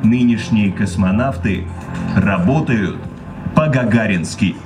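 A man reading a solemn commemorative script in formal, measured, declamatory phrases. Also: lowish voice. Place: outdoor memorial ceremony on an open square, through loudspeakers. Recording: distant, over outdoor loudspeakers with music. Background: music.

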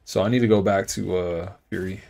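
A man's voice: deep voice, fairly even intonation, fairly quick, vocal fry. Profane man streaming a game. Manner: casual, profane, thinks out loud; loud frustrated outbursts at enemies. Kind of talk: live gameplay commentary.

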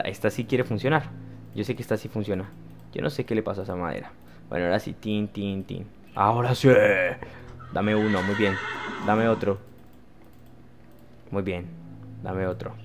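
A young man giving lively, exclamatory commentary while playing a video game, talking straight to his viewers. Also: lowish voice, slight background noise. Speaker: gaming youtuber. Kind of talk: casual let's play commentary.

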